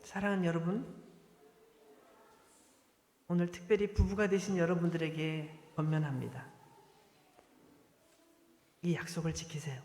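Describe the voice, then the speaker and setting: Korean pastor guy, fairly high voice, earnest preaching, lots of hall echo. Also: steady tone, a little mellow, a little hiss or hum. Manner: earnest, emphatic preaching with slowed, drawn-out lists. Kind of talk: sermon. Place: church sanctuary. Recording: echoey hall reverb.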